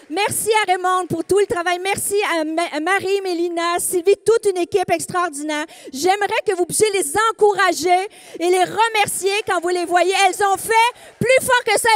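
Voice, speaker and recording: Québécois woman preacher, very high voice, rousing call-and-response, dry close sound. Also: no echo. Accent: Québécois French. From Quebec, Canada. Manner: rousing, calls out to the crowd. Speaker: women's ministry leader, speaker. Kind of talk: conference sermon.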